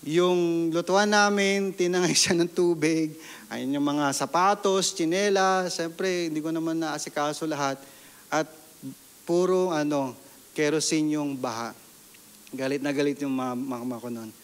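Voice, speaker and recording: A man's voice: a little high, steady tone, unhurried, clean tone, big-room sound. A man from the Philippines, a pastor, giving a sermon testimony and asking the congregation questions as he tells his story.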